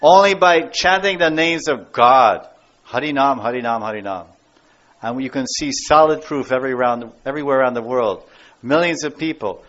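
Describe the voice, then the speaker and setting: A man with a mid-range, slightly bright voice lectures devotionally at a normal speed; he is an American spiritual teacher who stresses key words by repeating them with emphasis. The recording sounds dull and lo-fi.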